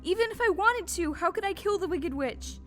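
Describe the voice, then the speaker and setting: A woman's voice: very high voice, animated, a little fast, faint music behind. A woman in an audio play playing a meek, earnest little girl. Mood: distressed. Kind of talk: audio play acting before a live audience.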